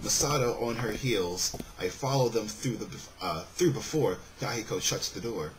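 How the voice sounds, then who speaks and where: Over the game's background music, a man reading a visual novel for a let's-play chats casually, repeatedly stumbling and correcting himself. His voice is on the low side, with lively intonation and a moderate pace. The audio is poor, with slight background noise.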